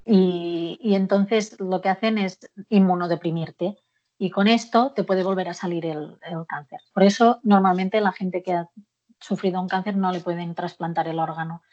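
A woman's voice: fairly low pitch, fairly even intonation, normal speed, lo-fi sound. A woman being interviewed about her own life, speaking frankly with frequent fillers and occasional laughter. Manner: warm and frank, laughs often, hesitant fillers. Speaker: guest, author of a memoir. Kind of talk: candid personal interview.

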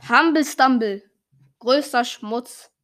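Young gamer, high voice, excited gameplay commentary, slangy youth speech, exclaiming, swearing. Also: slow pace. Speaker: gaming streamer playing a party game.

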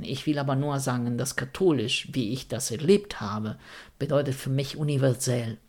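In a mid-range, gravelly, slightly rough voice, an Italian man from Rome responds to interview questions in accented German. He's thoughtful and often gropes for words, with non-native grammar.

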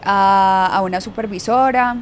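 A woman's voice: medium pitch, measured pace, slight background noise. A young woman telling a personal story frankly, laughing often as an interview guest. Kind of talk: candid storytelling in conversation.

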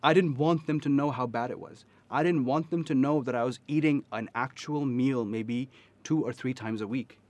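An interview guest with a Pakistani accent candidly shares personal stories in conversation. His medium-pitched voice has a darkish tone and moves at a moderate pace, and he speaks emphatically, frequently checking in with his listener with "right?".

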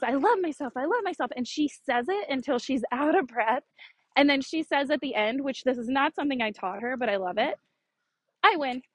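A woman's voice: on the high side, no room sound, rough recording. Chatty, earnest woman podcaster. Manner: chatty, earnest and encouraging, with small laughs. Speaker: podcast host. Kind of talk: casual solo podcast talk.

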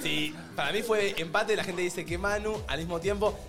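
A woman's voice: on the low side, loud music behind the voice. A woman with a Rioplatense accent running a game among friends, keeping score. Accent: Rioplatense Spanish. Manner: brisk, bossy game-keeping. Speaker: game moderator. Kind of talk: casual group chat.

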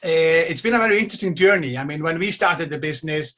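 Speaking fast from indoors at home, a middle-aged Icelandic-accented business coach gives an informal motivational talk to a live online audience. His voice is bright, forceful and a bit higher than most men's. He rambles through stories conversationally, saying "you know" again and again.

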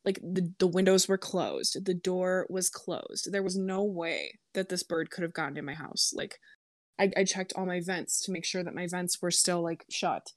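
A woman's voice: lowish voice, normal speed, no room sound, clean studio sound. A woman in her twenties telling a story in a casual, chatty way, full of "like" and "um" and freely swearing. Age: 20s. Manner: chatty, filler-heavy, lots of "like" and "um".

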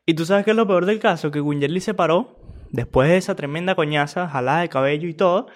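A man's voice: on the high side, fast. Venezuelan man laughing through commentary. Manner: laughing, animated, slangy storytelling. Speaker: video commentator. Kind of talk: casual reaction commentary.

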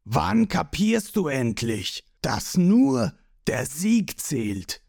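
A man voicing a boastful, hot-tempered male pirate boss who shouts and mocks, in a read-aloud manga story. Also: a little high, sing-song, extremely slow, creaky, no echo, clean studio sound, heavily acted. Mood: blustering. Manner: blustering, shouting, mocking.

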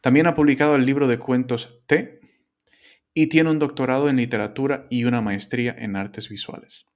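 A man hosting a podcast, reading a measured scripted introduction and asking his guest questions. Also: medium pitch, fairly even intonation. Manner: measured, reading names and titles carefully. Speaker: podcast host.

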